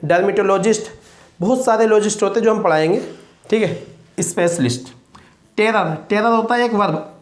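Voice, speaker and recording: A man, teaching a classroom vocabulary lesson and drilling students with repeated questions. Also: high-pitched. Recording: roomy echo.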